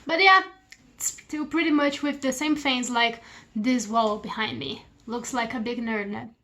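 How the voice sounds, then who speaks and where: A woman's voice: a little high, a little slow, bright, forceful tone, rough recording. A young woman from Brazil with a Brazilian accent, chatting casually to camera from her old bedroom while she eats. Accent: Brazilian Portuguese. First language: Portuguese. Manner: chatty, rambling, eating while talking. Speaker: vlogger. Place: childhood bedroom at her parents' home.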